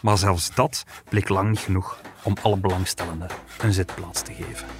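Speaking over loud music, a journalist on a podcast walks through a past case as an explanatory story, restarting now and then. He has a deep, steady voice at normal speed.

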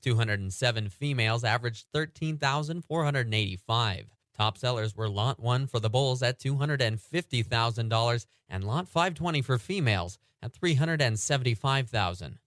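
A man anchoring a radio farm report, reading agricultural news and market prices in a steady newsreader delivery. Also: mid-range voice, moderate pace, few pauses, no room sound, clean studio sound.

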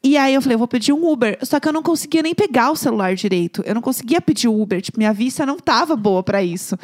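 A young woman chats casually on a podcast, recounting her own mishap in an animated way. Her voice sits high, and she breaks into laughter at her own misfortune as she tells it. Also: very fast. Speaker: podcast co-host. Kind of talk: casual storytelling chat.

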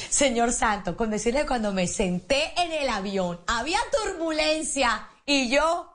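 Lively woman telling a story. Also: a little high. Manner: animated, acts out quotes, laughs often. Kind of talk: casual storytelling.

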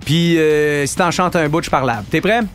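A man's voice: fairly high pitch, moderate pace, faint music behind. A man with a Quebec French accent hosting a morning radio show, teasing a caller in casual banter. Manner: joking, teasing, chatty.

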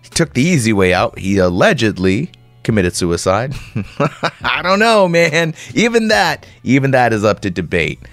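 A man delivering an impassioned, sarcastic monologue to listeners like a conspiratorial late-night rant, with rhetorical questions, repetition and dramatic pauses. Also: medium pitch, big pitch swings, fairly bright tone, no echo, soft background music. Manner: dramatic pauses and repeated phrases. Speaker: commentator host.

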